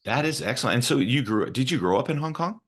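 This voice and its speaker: A man's voice: medium pitch, animated, fast, a bit bright, slightly rough. A man from Alberta, Canada, hosting an interview podcast, upbeat and rambling with repeated words. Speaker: podcast host. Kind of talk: casual interview chat.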